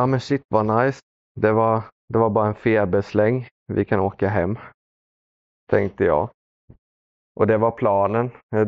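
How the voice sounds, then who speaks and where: A man telling a painful personal story in conversation, halting, with many fillers and pauses, subdued and sombre. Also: fairly low pitch, creaky, darkish tone, clear, resonant tone, no room sound. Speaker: podcast guest. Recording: dull, dry lo-fi sound.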